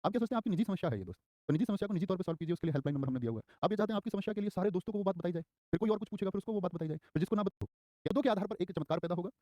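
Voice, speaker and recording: A man's voice: high-pitched, lively intonation, rapid-fire, warm tone, no room sound. A young man teaching Hindi grammar in a live online exam-prep class, quizzing his students and repeating key terms with lots of energy. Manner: acts out short quoted lines in a raised voice.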